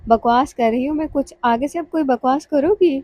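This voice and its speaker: A blunt young friend fires off questions in a scolding tone, read out by a woman narrating a novel. The voice is fairly high and mellow. The sound is dry and close. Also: no echo, lightly acted.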